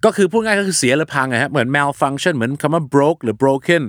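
A man hosting an English-teaching talk show, telling stories and explaining English words in a casual, animated way. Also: on the high side, fairly quick, no echo, clean studio sound. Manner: animated storyteller, mixes English terms into speech. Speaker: English teaching podcast host.

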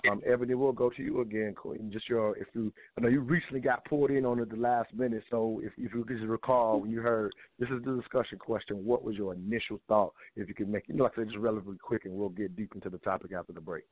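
Fast-talking man hosting over a phone line. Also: lowish voice, no echo. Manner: rambling, restarts phrases. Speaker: show host. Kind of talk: call-in talk show hosting.

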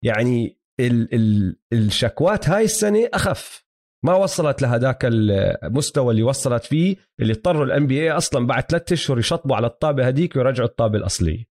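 A man with a mid-range, slightly mellow voice speaks expressively and very fast. He's co-hosting a casual sports talk in Palestinian-Jordanian Levantine Arabic, laying out his reasoning, checking the listener is following, and using English basketball terms along the way.

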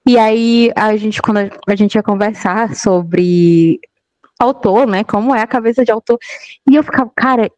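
A woman's voice: medium pitch, normal speed, a little mellow, no echo, low-quality recording. A woman with a Brazilian accent, co-hosting a podcast and chatting casually with a joking tone. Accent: Brazilian Portuguese. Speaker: podcast co-host. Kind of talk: casual chat.

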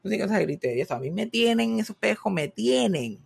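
Puerto Rican male host, casual comic storyteller, slightly raised pitch. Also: quick pace, gravelly, slightly rough. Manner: animated comic storytelling, mixing in English words. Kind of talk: casual chat.

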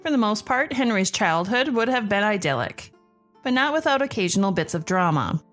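A woman's voice: medium pitch, very animated, normal speed, fairly bright tone, faint music behind. A woman hosting a podcast, reading scripted narration. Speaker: podcast host.

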